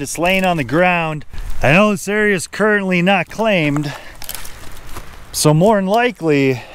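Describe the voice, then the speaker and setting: A man's voice: high-pitched, fairly bright tone, slight background noise. A man narrating his own outdoor prospecting vlog at an abandoned mine, thinking aloud and pointing things out as he goes. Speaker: gold prospecting vlogger.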